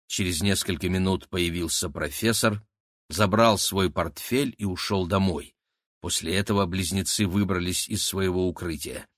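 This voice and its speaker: A man narrating an adventure audiobook in a steady, measured way. His voice sits low, and the recording is dry and close, with no room sound. The delivery is plain and even. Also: dry recording. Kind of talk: scripted narration.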